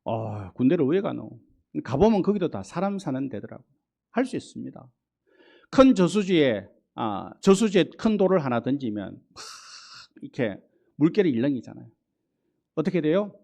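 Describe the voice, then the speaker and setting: A middle-aged man with a Gyeongsang accent preaches in a church sanctuary. His voice sits a little high for a man and moves a lot, rising and falling. He speaks to the congregation in a conversational way. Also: creaky, warm tone. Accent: Gyeongsang Korean. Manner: conversational preaching, acts out God's reassuring voice. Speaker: pastor. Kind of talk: sermon.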